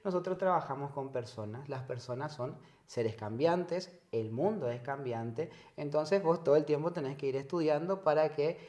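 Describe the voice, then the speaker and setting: Reflective Argentine man, slightly high voice. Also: normal speed, few pauses, dark tone. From northern Argentina. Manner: reflective, repeats words while searching for phrasing. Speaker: psychologist guest. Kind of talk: conversational interview. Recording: echoey room.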